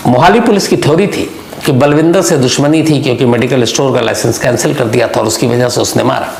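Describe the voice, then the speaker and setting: A man with a gravelly, mid-range, darkish voice narrates a true-crime story as a monologue. He speaks deliberately and poses rhetorical questions to the listener. The recording is in an echoey room with faint background noise.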